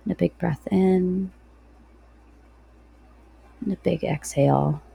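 Female meditation guide: soft, soothing, unhurried, with a mellow tone and creaky edges. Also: lowish voice, low-quality recording. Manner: soft, slow, soothing delivery with long pauses. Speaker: podcast host.

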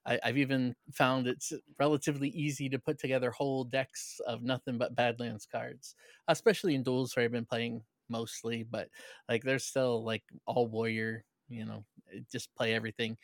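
A man co-hosting a podcast, chatting in a relaxed way with many fillers. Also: medium pitch, moderate pace, dry recording, clean studio sound. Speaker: podcast co-host. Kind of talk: casual chat.

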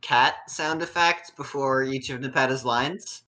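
A man with a bright, forceful voice plays a tabletop game. He makes quick, matter-of-fact asides about his character. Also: mid-range voice. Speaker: player. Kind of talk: casual tabletop role-play.

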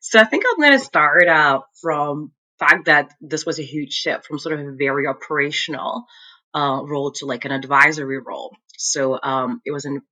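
A Lithuanian woman with a Lithuanian accent, an MBA graduate and consultant appearing as a guest, answers interview questions thoughtfully. Her voice is low and sharp at a normal pace, with many fillers like "um" and "like."

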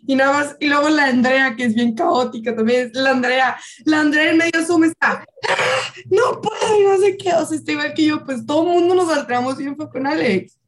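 A woman's voice: sits high, a little fast. A woman, a podcast co-host rambling through a story with lots of fillers. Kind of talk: casual chat.

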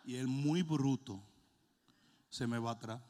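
A middle-aged pastor tells a comic story in an animated sermon, swinging between low asides and shouting and mixing in English words. His delivery is slow, with a long reverb tail and a little hiss or hum in the recording.

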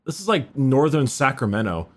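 A man's voice: mid-range voice, very animated, normal speed. A man co-hosting a true-crime podcast in a laid-back way, swearing and asking blunt questions. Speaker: podcast co-host. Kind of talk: casual chat.

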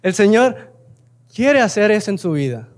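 A young man preaching a sermon in church, telling an illustration story in a lively, animated way. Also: high-pitched, moderate pace.

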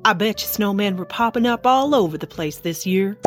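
A woman's voice: mid-range voice, lively intonation, a little fast, soft background music, lightly acted. A woman playing a friendly, talkative ball ornament in a children's audio drama, telling tales matter-of-factly. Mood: chatty. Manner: chatty, matter-of-fact storytelling. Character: chatty, friendly female Christmas ball ornament, newcomer.

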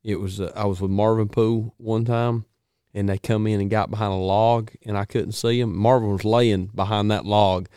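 A man's voice: lowish voice, steady tone, moderate pace, few pauses, warm tone, clear, resonant tone, no echo. A man chats casually in a clean, resonant voice. He is folksy and colloquial with a joking bent. The recording is close and dry. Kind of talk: casual chat.

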